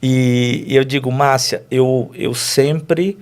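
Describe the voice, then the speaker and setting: A man's voice: medium pitch, fairly even intonation, slow, clean tone. A man, a pastor, giving an earnest and emotional personal testimony in a conversational interview. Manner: earnest, emotional, speaks directly to host. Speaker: pastor, guest.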